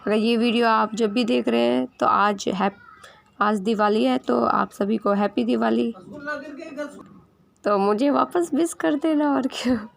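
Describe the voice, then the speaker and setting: A woman's voice: a little high, steady tone, a little slow, gravelly, no room sound. A woman with a sore throat giving a casual video lesson, mixing in English words and asking herself questions, then answering them. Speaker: teacher.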